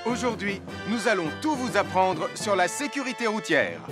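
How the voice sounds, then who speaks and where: A man's voice: sits high, lively intonation, normal speed, loud music behind the voice. A man playing a friendly, upbeat cartoon fireman in a French dub, instructing and encouraging children. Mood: cheerful.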